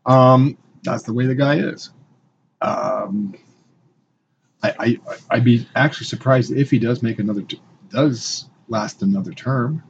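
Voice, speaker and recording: A man's voice: medium pitch, measured pace, creaky. A man on a casual panel chat, blunt and emphatic. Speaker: podcast panelist. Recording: muffled with faint background hiss.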